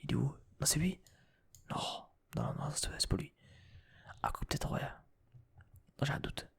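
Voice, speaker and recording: A young man talks in a soft, very breathy whisper with a gravelly edge, as in casual ASMR chat. He thinks aloud, trails off and restarts his sentences, and drops in casual swear words. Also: mid-range voice, wildly swooping pitch, a little slow.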